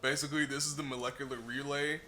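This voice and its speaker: A man's voice: mid-range voice, level tone, fast talker, background noise. A man casually commenting on his playthrough, sarcastic and swearing. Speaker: gamer. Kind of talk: let's play commentary.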